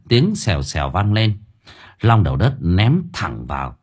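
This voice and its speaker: Guy reading a funny story, husky, lots of pitch movement. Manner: lively, playful storytelling. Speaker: audiobook narrator. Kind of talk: comic story narration.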